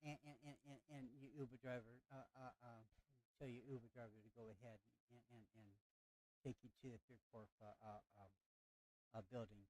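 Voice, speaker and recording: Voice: mid-range voice, steady tone, brisk, darkish tone, dry recording, low-quality recording. Stammering game master narrating a scene. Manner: stammering, many repeated words.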